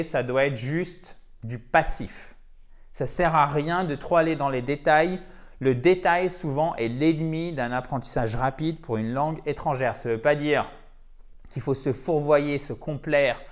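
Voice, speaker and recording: A male language teacher with a slightly higher voice explains things in a chatty, playful way. He checks in with his listeners often as he goes, keeping the lesson relaxed. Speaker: English teacher.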